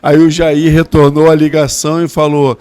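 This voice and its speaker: Ex-footballer in his 50s, kinda high voice, heartfelt, stumbles and restarts a lot. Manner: heartfelt, halting restarts, lively storytelling. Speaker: former footballer, guest. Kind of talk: emotional storytelling interview.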